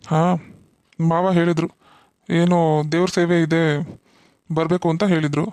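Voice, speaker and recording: Someone voicing a calm young cartoon uncle. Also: medium pitch, moderate pace, no echo, lightly acted. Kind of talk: cartoon voice acting.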